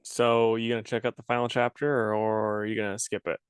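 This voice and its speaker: Male co-host, casual chat, lively and jokey, dry close mic. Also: lowish voice, a little fast, smooth, dry recording. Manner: animated, laughs a lot, puts on joking voices. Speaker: podcast co-host.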